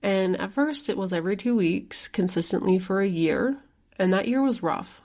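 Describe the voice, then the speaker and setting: With a mid-range, darkish voice that is expressive and moderately paced, a woman life coach delivers a casual solo monologue on her own podcast. She is candid and chatty, saying "like" often and swearing mildly now and then.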